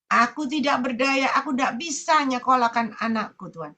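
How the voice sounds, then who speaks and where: A woman evangelist, preaching a sermon and telling a congregant's story in an animated way. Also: sits high, normal speed. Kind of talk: sermon with testimony. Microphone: online prayer meeting broadcast.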